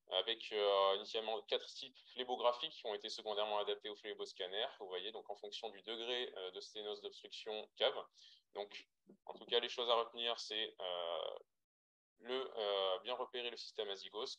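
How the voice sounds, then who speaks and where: A man's voice: on the low side, sharp tone, low-quality recording. A man with a French accent giving a webinar slide lecture to trainees, hesitant with frequent fillers and restarts, heard through a computer mic. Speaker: radiologist giving a webinar talk.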